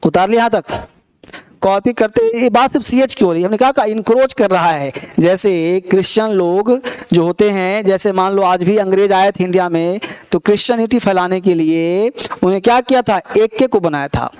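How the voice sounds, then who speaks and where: A man's voice: high-pitched, a little mellow, clean tone. A man teaching English spelling and pronunciation to students, repeating words and quizzing them, in a classroom lesson. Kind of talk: classroom grammar lesson in Hindi.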